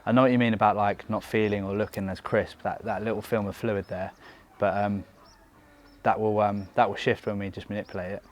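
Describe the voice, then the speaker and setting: A young man coaching and hosting a casual vlog, chatty and relaxed with frequent fillers. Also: fairly low pitch, fairly quick. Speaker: bodybuilding coach and channel host.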